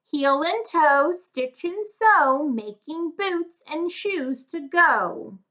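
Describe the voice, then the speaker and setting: A woman with a high, lively voice that sounds pushed and bright reads a rhyming fairy tale to children in a sing-song style, stretching out her words. She often stops to ask her young listeners questions. She works as a children's story reader and tutor.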